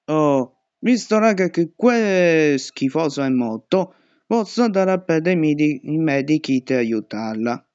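A man's voice: fairly high pitch, animated, a little slow, smooth, dry recording, dull audio. A young man commentating a horror game, panicking and swearing at every scare. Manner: panicky, swearing and shouting at jumpscares. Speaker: gaming youtuber.

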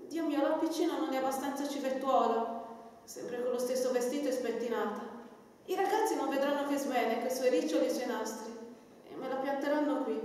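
Stage rehearsal: actress as a nagging old nurse, high voice, echoing church from afar. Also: female voice, darkish tone, a little hiss or hum, close to an everyday voice. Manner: scolding, nagging, theatrical. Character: scolding old female nurse, fussy and doting. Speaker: amateur stage actor. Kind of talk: theatre rehearsal acting. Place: large church hall. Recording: echoey church hall from far off.

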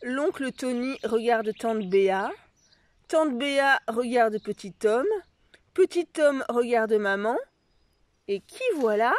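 Woman reading a kids picture book, high voice, slow and expressive. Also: dry recording. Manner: slow, expressive read-aloud. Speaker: storyteller.

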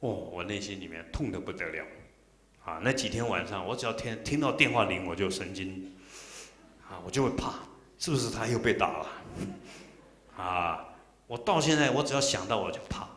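Middle-aged male monk, low voice, dharma talk with stories, emotional, in an echoey hall. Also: animated, normal speed, fairly bright tone. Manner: emotional, acts out dialogue. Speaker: Buddhist monk. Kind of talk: dharma talk with personal storytelling. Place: temple lecture hall. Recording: roomy hall echo.

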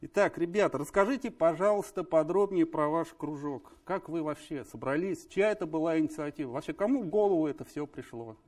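Male panel host, slightly high pitch, halting and filler-heavy. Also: darkish tone. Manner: hesitant, many drawn-out filler sounds. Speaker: discussion club moderator. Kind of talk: hosting a live panel discussion.

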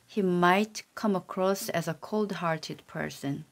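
This slow, gravelly, low-ish female voice comes from AI text-to-speech and reads sentence drills for a language lesson. She goes through the repeated sentences evenly and carefully.

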